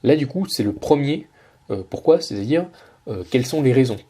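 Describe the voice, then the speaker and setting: A man's voice: mid-range voice, animated, normal speed, mellow, slightly rough. A man teaching Russian in French, patiently breaking down a video line by line with frequent hesitations. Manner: patient, many hesitations and self-corrections. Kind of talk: explaining a video lesson.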